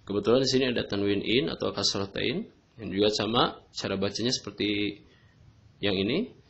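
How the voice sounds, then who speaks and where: A man teaching tajweed rules patiently, often pausing on "nah, gitu ya" as he explains. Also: lowish voice, vocal fry, fairly bright tone. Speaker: Quran recitation teacher. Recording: dull lo-fi recording.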